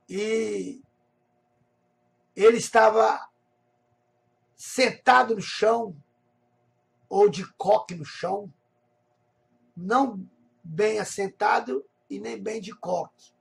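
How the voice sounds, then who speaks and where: A male pastor telling a personal testimony in a sermon, slowly restating each phrase in several ways. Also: sits high. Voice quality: gravelly, husky voice. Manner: slow, repetitive, rephrasing each phrase.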